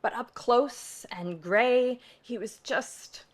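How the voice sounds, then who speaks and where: A woman's voice: on the high side, takes it slowly. Emphatic woman pastor telling a story. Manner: conversational and emphatic, often tagging "right?". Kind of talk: storytelling to a live audience.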